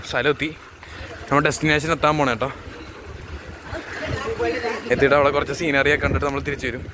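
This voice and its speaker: Kerala man vlogging over loud ride noise. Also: medium pitch. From Kerala, India. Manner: mixes English words into Malayalam. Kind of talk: casual cycling vlog chat. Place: outdoors on roads while cycling. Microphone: handheld phone camera while riding. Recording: noisy outdoor recording with vehicle sounds.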